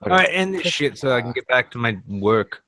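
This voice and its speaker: A man's voice: medium pitch, very animated, brisk, sharp tone. An American man as a guest in a casual online chat, blunt, teasing and swearing freely. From United States.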